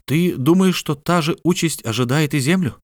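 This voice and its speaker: Male reader voicing an excitable adventurer, raised pitch, dry close sound, exclaiming. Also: moderate pace, no room sound, lightly acted. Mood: curious. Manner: animated, exclaiming. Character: excitable curious adventurer man, lively and joking.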